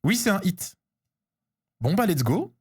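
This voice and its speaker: A man streaming live as he opens trading cards, chatting casually, getting excited and answering his chat. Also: sits high, measured pace, husky.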